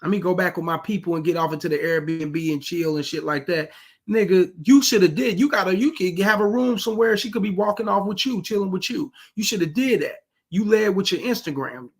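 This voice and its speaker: High raspy dude going off with blunt advice to the fellas, gravelly edge. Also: male voice, fairly quick. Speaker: reaction commentator. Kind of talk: reaction commentary.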